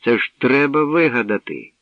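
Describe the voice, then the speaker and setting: A man's voice: mid-range voice, sing-song, moderate pace, no echo, pitched above the performer's own voice. A man doing a sneering young rival. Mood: mocking. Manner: giggling, sneering. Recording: dull dry studio recording.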